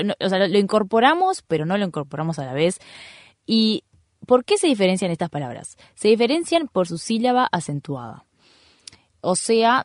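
A woman hosting a radio segment and patiently explaining grammar, slowing down to repeat her examples. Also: fairly low pitch, dry recording, studio quality. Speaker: radio host.

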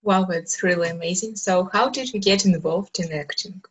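A woman's voice: lowish voice, moderate pace, breathy edge, low-quality recording. A woman hosting a podcast, asking short, admiring questions in slightly non-native phrasing. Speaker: podcast host. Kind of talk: interview questions.

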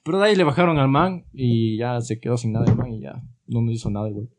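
A young man with an Ecuadorian accent, co-hosting a casual chat and telling a story with excited swearing. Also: mid-range voice, fast talker, soft background music. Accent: Ecuadorian Spanish. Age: young adult. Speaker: podcast co-host.

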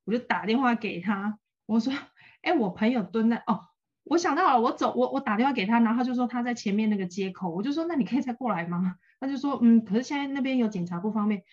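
A woman's voice: fairly high pitch, expressive, quick pace, a little mellow, dull audio. A woman with a Taiwanese Mandarin accent, co-hosting a podcast, telling a long anecdote in casual chat and acting out the quoted lines. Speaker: podcast co-host.

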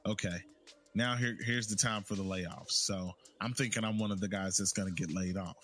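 Guy with a lowish voice rambling through a story, faint music under it. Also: normal speed. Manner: rambling, repeats and restarts, animated storytelling. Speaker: storyteller recounting work life. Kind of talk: casual personal storytelling.

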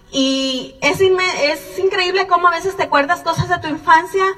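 A woman in her thirties, from Mexico, giving a slow, earnest and encouraging personal testimony. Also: high voice, a bit bright. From Mexico (Jalisco and Colima). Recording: far from the mic in a reverberant hall.

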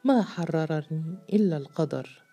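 A woman's voice: low voice, lively intonation, moderate pace, warm tone, slightly rough, faint music behind, exaggerated voice. A woman voicing a stern, mocking male jinn freed from a bottle, speaking with severe, scornful preaching. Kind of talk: storybook reading.

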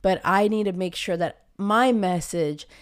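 Speaking at a slightly slow pace in a clean, medium-pitched voice, this love coach runs a relaxed solo podcast. She's getting over a cold and her voice is coming back; her delivery is emphatic, she works herself up, and fillers crop up often.

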